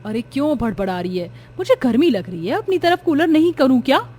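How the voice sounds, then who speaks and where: A woman's voice: high-pitched, big pitch swings, a little fast, dark tone. A woman playing a vain spoiled young sister. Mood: arrogant. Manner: scornful, bossy, mixing in English phrases. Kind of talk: storybook voice acting.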